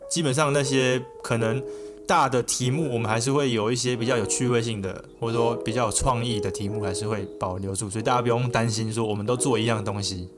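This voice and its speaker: Taiwanese accent guy talking fast, mid pitch, casual podcast banter w music under it. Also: fairly even intonation. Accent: Taiwanese Mandarin. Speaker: podcast co-host. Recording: music playing behind the voice.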